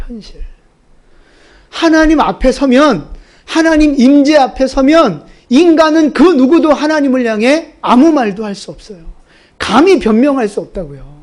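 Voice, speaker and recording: A man's voice: extremely high pitch, a little mellow. A man pastor preaching a sermon, putting questions to the congregation and repeating his points for emphasis.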